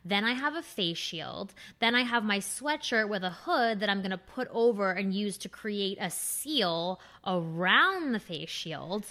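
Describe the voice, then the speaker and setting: Young female podcast co-host, candid and chatty, bright clear voice. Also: medium pitch, lively intonation, measured pace, hardly any pauses. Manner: candid, frank, laughs often, many fillers. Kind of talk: casual podcast chat.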